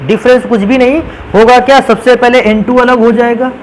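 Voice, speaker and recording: A man's voice: very high-pitched, fairly even intonation, moderate pace, a little hiss or hum, low-quality recording. A male chemistry teacher lecturing a class, calling students "beta" and answering his own questions as he goes. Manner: calls students "beta", asks questions and answers them himself.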